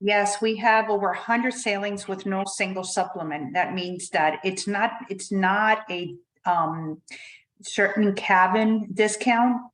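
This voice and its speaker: A woman's voice: mid-range voice, slow pace, a bit bright. A woman giving an informal sales presentation and answering questions as a company representative. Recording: echoey, roomy sound.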